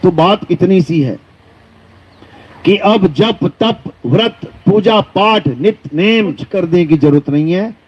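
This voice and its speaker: A man giving a devotional discourse, reciting verses slowly and drawn out, then explaining them with rhetorical questions and emphatic repetition. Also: sits high, expressive, darkish tone, husky. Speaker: spiritual preacher. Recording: dull lo-fi recording.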